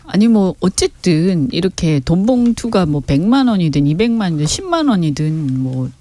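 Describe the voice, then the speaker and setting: A woman's voice: lowish voice, very animated, moderate pace, mellow. A woman guest on a radio talk show, giving frank, critical political commentary with emphasis. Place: radio studio. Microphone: studio mic.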